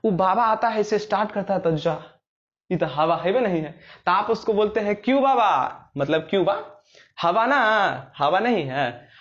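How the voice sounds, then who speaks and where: Playful high-voiced teacher. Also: male voice, expressive, normal speed, muffled recording. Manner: playful storytelling, acts out little scenes in rustic dialect. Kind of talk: explaining memory tricks for exams.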